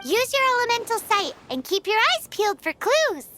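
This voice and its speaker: A woman's voice: extremely high pitch, sing-song. A woman voicing a tiny, chatty female fairy companion who teases and calls herself by her own name, over game music. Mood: curious. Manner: talks about herself in the third person; cheeky, quick to tease. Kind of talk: game cutscene dialogue.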